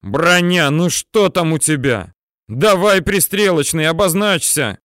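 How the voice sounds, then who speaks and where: A battlefield commander calls in artillery, impatient and clipped, voiced by a man reading an audiobook. His voice rises high and strained as he shouts numbers. The recording is dry and close. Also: a little slow, no room sound. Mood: urgent commanding. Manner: urgent, barking orders. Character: male field commander shouting over the radio.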